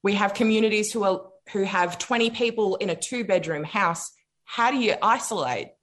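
A woman's voice: mid-range voice, normal speed, fairly bright tone. An Australian woman speaking in an impassioned political discussion, emphatic and indignant, repeating phrases for weight.

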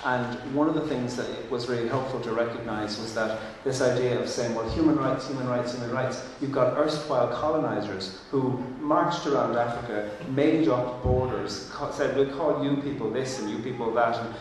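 This is another panel discussion recorded far off in an echoey hall, featuring an Irish-speaking man from Ireland who is earnest and thoughtful and frequently starts over. His mid-range voice moves at a moderate pace with few pauses, over a slight hiss or hum.

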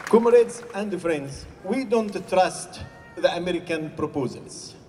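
A man from Gaza, giving an impassioned protest speech at an outdoor rally, sometimes rising to shouts. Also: high-pitched, animated, a little slow, crowd noise. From Gaza, Palestine. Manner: forceful, rising to shouts at times. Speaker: rally speaker. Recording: distant reverberant rally recording with faint noise.

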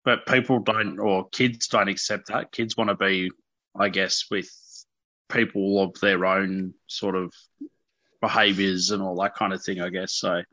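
A lowish, bright-voiced Australian man around thirty, talking candidly in an interview. His manner is informal and a little self-deprecating, with hesitations as he thinks. The sound is dry and slightly dull, like lo-fi radio. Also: little pitch movement, unhurried, dry recording. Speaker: interview guest.

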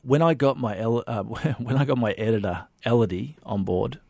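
A man's voice: medium pitch, normal speed, creaky, a little mellow, dry recording. An Australian man, a documentary filmmaker, chatting enthusiastically in a radio interview, with lots of fillers and restarts.

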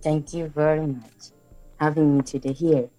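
A woman from Somalia, a guest co-presenter on a radio show, speaking slowly and carefully in a halting way. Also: sits low, fairly even intonation, mellow, soft background music, rough recording. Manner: slow, careful, halting speech. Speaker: guest co-presenter and refugee volunteer.

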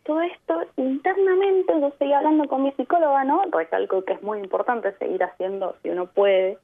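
A woman with a high, brisk voice and an Argentine Spanish accent, originally from Mendoza, is a guest on a radio interview held by phone. As an immigrant, she reflects thoughtfully on her experience, explains her points, and often checks in with short tag questions. The phone line sounds tinny.

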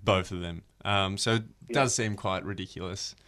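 A man hosting a radio interview, measured and a little hesitant. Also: low-pitched, fairly even intonation, a bit bright. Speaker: radio host.

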